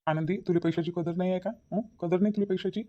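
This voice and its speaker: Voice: mid-range voice, fairly even intonation, fast, dark tone, muffled recording, close to an everyday voice. A performer voicing a worried grown son and husband in a cartoon comedy, anxious and questioning. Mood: scolding.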